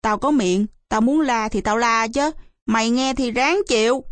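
Storybook casting: a woman as a bossy, smug little boy, quick and taunting, in a dry, close recording. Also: fairly high pitch, dry recording, natural voice. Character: cocky, teasing little boy.

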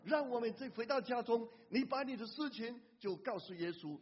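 A man pastor preaching a sermon in an animated way, breaking into a hymn at times. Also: very high-pitched, moderate pace, husky. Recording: lo-fi church hall reverb.

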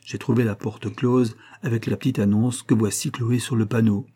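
Man voicing a dark, husky aggrieved pawnbroker. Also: mid-range voice, fairly even intonation, normal speed, natural voice. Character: indignant red-haired middle-aged male pawnbroker. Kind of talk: audiobook reading.

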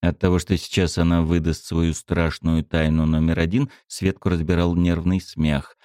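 A man's voice: low-pitched, moderate pace, clear, resonant tone, no echo, studio quality. A man narrating an audiobook and voicing all the characters. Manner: expressive, performs all the characters. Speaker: audiobook reader.

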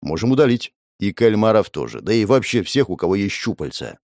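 A towering, curt stranger speaking from under a helmet, muffled and weary, as a narrator acts him out. Short, clipped answers in a dry, close storybook reading. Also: male voice, lowish voice, big pitch swings, a little fast, darkish tone, no echo. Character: huge gruff man in a motorcycle helmet.

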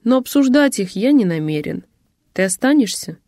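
A woman's voice: on the high side, very animated, normal speed, warm tone, no room sound, clean studio sound. A woman reading the lines of a curt, commanding man of means in an audiobook, with terse, clipped replies.

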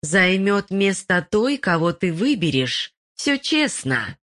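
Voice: medium pitch, very animated, takes it slowly, fairly bright tone, pitched above the performer's own voice. A narrator voicing a chorus of malicious female forest spirits, hissing and gloating, in an audiobook. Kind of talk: audiobook voice acting.

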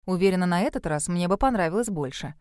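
A woman narrating a first-person audiobook in a wry, lively storytelling manner. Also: on the low side, fast, clean tone, dry recording, clean studio sound.

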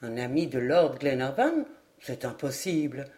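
A woman's voice: sits low, big pitch swings, takes it slowly, darkish tone, voice pushed down, heavily acted. A woman reading an audiobook, voicing a puzzled male ship's steward who answers politely and hesitantly.

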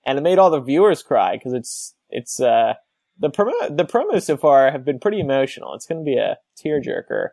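A man's voice: fairly high pitch, lively intonation, a little fast, dark tone, no echo. A young man in his twenties hosting a casual call-in podcast, laughing often and rambling with lots of fillers. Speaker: podcast host.

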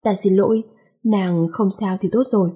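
A woman voicing a possessive, commanding young male emperor in a read-aloud story, in a mellow, husky voice. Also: mid-range voice, fairly even intonation, moderate pace, natural voice.

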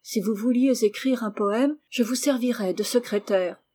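Woman reader voicing Rose: earnest storybook girl, tender and emotional, voice lifted a little higher, mellow tone. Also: moderate pace, natural voice. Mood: encouraging. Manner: pleading, emotional, motherly. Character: teenage girl Rose, tender anxious caring cousin.

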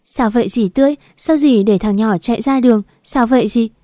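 A woman's voice: a little high, fairly quick, mellow, no echo, clean studio sound, close to an everyday voice. A woman voicing a stubborn young working mother in an audio story, reading her lines plainly. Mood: desperate.

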